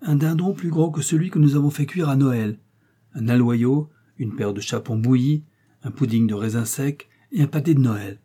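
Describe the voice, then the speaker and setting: A man's voice: medium pitch, normal speed, breathy edge, close to an everyday voice. Man doing Samuel, a timid frightened husband. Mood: sad. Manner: meek and hushed, pleading.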